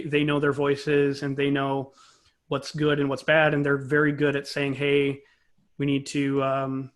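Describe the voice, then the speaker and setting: A man with a mid-range, slightly bright voice appears as an interview guest. He's a composer and conductor who explains things conversationally, thoughtfully correcting himself as he goes.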